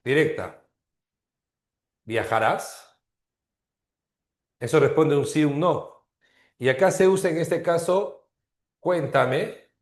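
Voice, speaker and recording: A male teacher giving a grammar lesson, explaining slowly, repeating terms and checking in with frequent tag questions. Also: a little high, roomy sound. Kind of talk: online grammar class.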